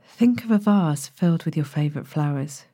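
A woman narrating a sleep story as a guided relaxation, in a gentle, hushed and breathy manner with long pauses. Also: low-pitched, animated, dry recording, studio quality. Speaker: podcast host, sleep meditation narrator.

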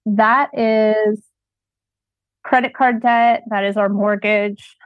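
A woman's voice: medium pitch, steady tone, very slow, clear, resonant tone, no echo. A woman speaking casually as a guest in a coaching conversation, on slightly dull audio.

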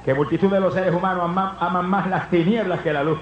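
Revival preacher, male, high-pitched, fervent, praise outbursts; dull lo-fi church recording. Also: steady tone, fairly quick, reverberant. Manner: fervent, bursts of loud praise exclamations. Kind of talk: revival sermon. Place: church hall.

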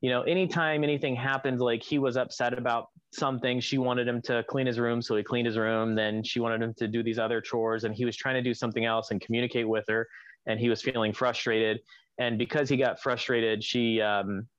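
A man's voice: medium pitch, level tone, a little fast, no room sound. A man casually telling a long story about a family dispute, rambling with many fillers and restarts. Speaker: divorced father telling a story. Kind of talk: casual spoken account of a co-parenting conflict. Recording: dry, dull lo-fi recording.

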